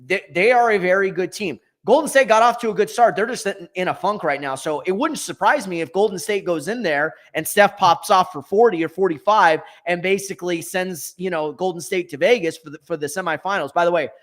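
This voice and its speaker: Sports co-host, a man with a fairly high voice, rambling and self-correcting picks. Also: fairly quick, few pauses, a bit bright. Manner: thinks aloud, self-correcting. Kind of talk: casual sports talk.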